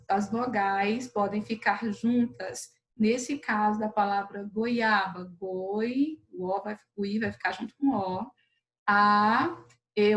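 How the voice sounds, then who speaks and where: A woman teacher with a Brazilian Portuguese accent giving a lesson to children, patient and slow over syllables, often checking in with the class. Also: mid-range voice, rough recording. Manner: patient, drawn-out syllables, frequent "beleza?" checks. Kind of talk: recorded remote lesson for children.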